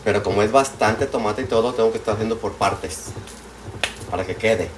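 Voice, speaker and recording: A man's voice: fairly low pitch, brisk. A man with a Mexican accent chatting casually with livestream viewers, calling them pet names and using slang while he cooks in a home kitchen at night. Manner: chatty and affectionate, greets viewers by name, slangy. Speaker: live streamer. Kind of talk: casual cooking livestream chat. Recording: kitchen noise behind the voice. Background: frying, pots and dishes clattering.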